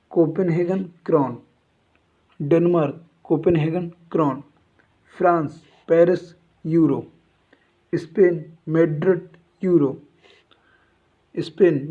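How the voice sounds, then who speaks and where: A man's voice: a little high, dark tone. A male teacher reciting a general knowledge lesson, saying each item twice like a memory drill. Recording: tinny phone-like sound.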